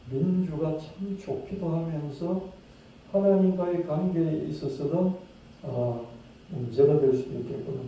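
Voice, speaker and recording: A man preaching a sermon as pastor, talking conversationally, asking his listeners questions, and acting out hushed pleading prayers. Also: a little high. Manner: conversational, asks the congregation rhetorical questions. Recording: distant, very echoey dull-sounding room.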